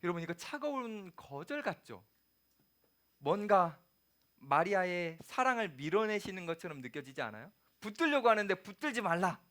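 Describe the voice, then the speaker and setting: A man's voice: sits high, very animated, moderate pace, pushed and bright. A man preaching a sermon to young adults in a conversational way, asking the congregation questions and acting out quoted lines. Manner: acts out quoted lines, sometimes dropping to a whisper; humorous personal asides. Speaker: youth pastor.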